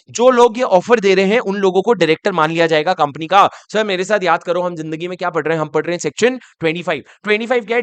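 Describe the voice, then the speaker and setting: A young man teaching law in an exam revision lecture, mixing Hindi and English and reading the law slowly. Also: high-pitched, a bit bright, smooth, no echo. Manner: mixes Hindi with English terms, reads the law slowly, asks students questions.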